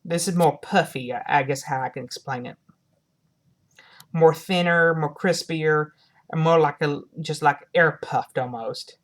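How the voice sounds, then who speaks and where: A woman with a deep-ish voice runs through an informal product review for her audience. She speaks hesitantly, repeating herself and rewording things as she goes.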